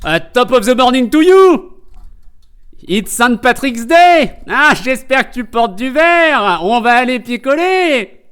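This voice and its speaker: A man putting on a boisterous, jolly Irish party reveler, loud and exaggerated. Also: extremely high pitch, expressive, quick pace, hardly any pauses, clear, resonant tone, voice pushed up, exaggerated voice. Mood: rowdy cheer. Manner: loud, festive, exaggerated cheer.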